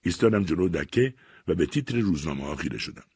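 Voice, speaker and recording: A man reading a literary short story aloud in a measured, expressive way. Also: deep voice, breathy edge, no echo, studio quality. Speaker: audiobook reader. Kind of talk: scripted story narration.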